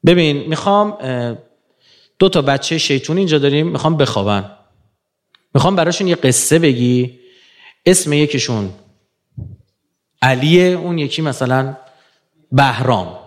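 Male lecturer addressing a crowd, higher-pitched, lively delivery that swings from quiet asides to forceful climaxes. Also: pauses often. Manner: animated, swings from low murmurs to emphatic rising peaks. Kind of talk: lecture to an audience.

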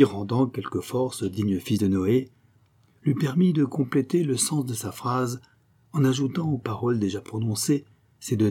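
A man narrating a classic novel aloud in a measured, even storytelling manner. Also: medium pitch, breathy edge. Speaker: audiobook reader.

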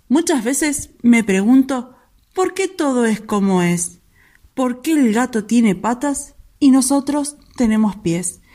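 A woman's voice: mid-range voice, darkish tone. A female teacher reading a poem aloud as a heartfelt dedication to fellow teachers.

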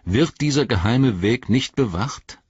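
A man's voice: mid-range voice, lively intonation, a little slow, a little mellow, breathy edge, no echo, lo-fi sound, voice pushed up. A man voicing the hobbit Frodo in an audiobook, stern and probing. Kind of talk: audiobook character voice.

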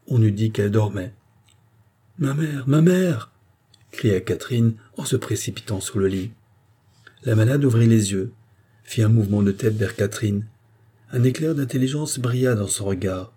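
A male audiobook reader giving a measured, even narration of a novel. His voice is low and mellow, with a husky edge.

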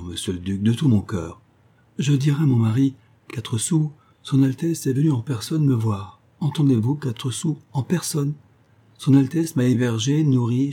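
A man voicing a fussy, flattered old provincial lady who gushes and repeats herself in a raised voice. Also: medium pitch, husky, voice pushed up, lightly acted. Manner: gushing, eager, repeating herself.

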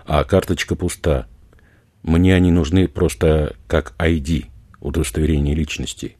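A man voicing a calm, polite foreign male tourist who answers quietly and evenly. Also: rumbling low, moderate pace, no room sound.

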